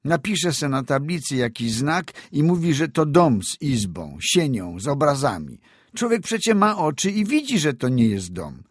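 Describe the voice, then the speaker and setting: A man's voice: a little high, big pitch swings, normal speed, no room sound, clean studio sound, pitched above the performer's own voice. Man voicing a sulky peasant boy. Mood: aggrieved. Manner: whiny, complaining rural talk. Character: poor peasant village boy, sulky and stubborn.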